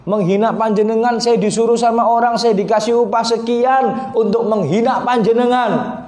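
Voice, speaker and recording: Man putting on a repentant pleading man, tearful, higher pitch, echoey room. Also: fairly even intonation, moderate pace, darkish tone.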